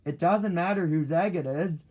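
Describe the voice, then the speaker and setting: A man reading the lines of a steady, dutiful father bird in a storybook, in a reassuring, matter-of-fact way. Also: fairly high pitch, moderate pace, close to an everyday voice.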